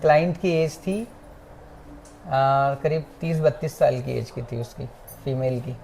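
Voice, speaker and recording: A massage instructor giving a hands-on class demonstration, with soft, repeated cues and frequent check-ins with the students. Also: mid-range voice, slow, creaky, slight background noise. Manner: soft, repetitive coaching cues. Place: training academy classroom.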